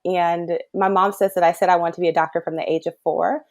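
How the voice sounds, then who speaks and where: A woman in her thirties, a pediatric kidney specialist from the south suburbs of Chicago, talks quickly in a lowish, level voice. As a guest in an informal interview, she comes across as earnest and thoughtful and laughs a lot.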